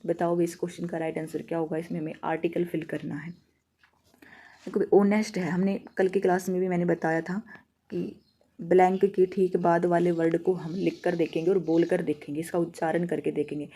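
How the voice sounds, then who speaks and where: A woman with a Haryanvi Hindi accent teaching an exam-prep grammar lesson. Her voice is mellow and sits slightly low. She poses questions and answers them herself, and she slows down to read out example sentences. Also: little pitch movement, breathy edge. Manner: reads example sentences slowly.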